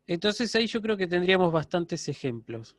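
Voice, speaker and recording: Guy teaching a class online, high voice, super dry sound, keeps asking "right?". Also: sing-song, normal speed, dry recording. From Argentina. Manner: explanatory, keeps checking with students. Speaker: university lecturer. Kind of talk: online lecture.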